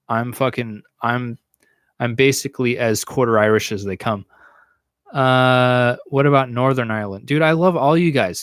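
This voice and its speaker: A young American podcast host with a mid-range, fairly bright voice chats casually with his livestream audience, cracking crude jokes and swearing frequently. He records in a small room on a studio mic on a stand in front of him, and the sound is clean, studio-like and free of room sound.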